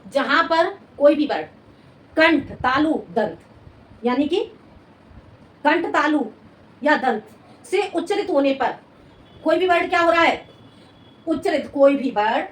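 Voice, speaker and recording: High-voiced woman teaching in an echoey room. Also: animated. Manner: repeats words slowly while writing, asks rhetorical questions. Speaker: Hindi coaching teacher. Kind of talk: classroom lesson, dictating notes. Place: coaching classroom. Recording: echoey room, mic at a distance, faint noise.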